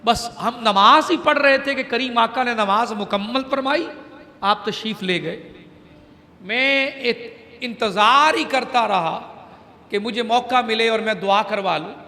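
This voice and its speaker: A man's voice: extremely high pitch, unhurried, bright, forceful tone. A man preacher telling a story in an emotive sermon, exclaiming and laughing often. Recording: long hall reverb.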